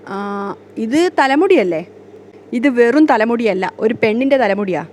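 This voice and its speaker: A woman's voice: on the high side, animated, normal speed, darkish tone. A woman voicing an indignant young wife. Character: anxious jealous young wife, sharp-tongued.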